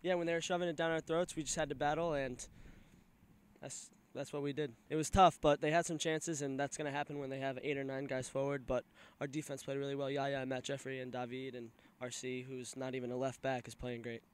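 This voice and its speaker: A man's voice: medium pitch, little pitch movement, a little fast, clear, resonant tone. A man in his twenties, a college soccer player from Pennsylvania, giving casual postgame answers with many fillers, outdoors on a field at night into a handheld mic. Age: 20s. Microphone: handheld mic held by interviewer.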